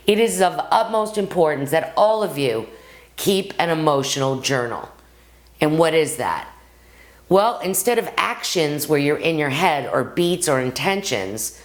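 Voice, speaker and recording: A middle-aged woman acting coach teaching straight to the camera, talking to her viewers as "guys" and acting out stories from her own life. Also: low-pitched. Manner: lively, addresses viewers as "guys", acts out anecdotes. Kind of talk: direct-to-camera acting lesson.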